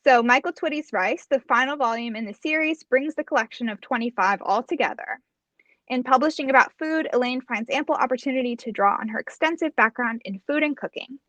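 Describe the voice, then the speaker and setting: A woman hosting an online book event, briskly reading guest introductions over a video call. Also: high-pitched, a bit bright, dry recording, muffled recording. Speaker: bookstore event host.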